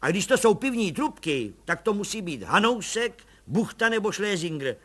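A man voicing a humble, chatty little police agent who talks in eager, deferential, high-pitched bursts. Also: very animated, bright, forceful tone, exaggerated voice. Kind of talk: audiobook character voice.

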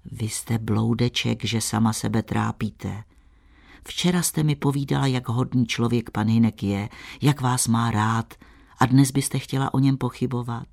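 A man's voice: mid-range voice, steady tone, vocal fry, darkish tone, lightly acted. A man voicing a bold frank shepherd girl. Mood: teasing.

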